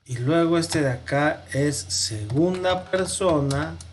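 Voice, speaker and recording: Guy teaching latin, real slow, repeats stuff and fixes his own slips, some faint keyboard typing behind. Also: fairly high pitch, slight background noise. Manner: slow, repeats words for dictation, corrects himself aloud. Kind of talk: recorded class lesson.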